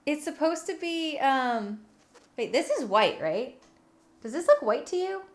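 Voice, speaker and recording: Woman livestreamer, playful and cute, high register, unhurried casual chat with viewers. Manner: animated, expressive delivery. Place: room at home.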